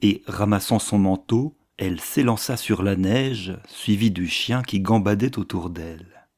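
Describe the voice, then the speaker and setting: A man reads a classic novel aloud with measured, literary pacing. His voice sits low, and his narration is steady and composed throughout. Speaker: audiobook narrator.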